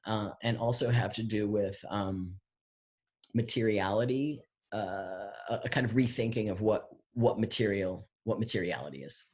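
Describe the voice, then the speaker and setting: A man, a guest artist, answering audience questions in a halting, rambling way full of fillers and restarts, heard over a video call. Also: fairly low pitch, darkish tone. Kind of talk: casual conversation, answering questions.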